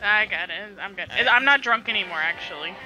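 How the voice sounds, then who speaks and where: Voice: medium pitch, lively intonation, fairly quick, over music, rough recording. A gamer chatting with friends over voice chat, rambling excuses and jokes and taking charge of the plan. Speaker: online game player. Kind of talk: casual gameplay chat with friends.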